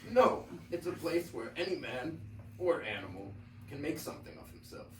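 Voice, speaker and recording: In a high school classroom reader's theater performance, a teenage boy plays an old, worn-out donkey with musical dreams, joking, punning, and sounding encouraging. His fairly high, fairly bright voice swings widely in pitch at normal speed, captured in a roomy, distant recording with faint noise.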